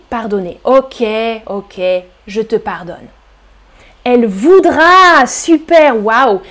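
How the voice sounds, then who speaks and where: A woman teaching French on a live stream, explaining slowly and clearly and now and then singing lines of a song. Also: fairly high pitch. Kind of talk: live-streamed language lesson.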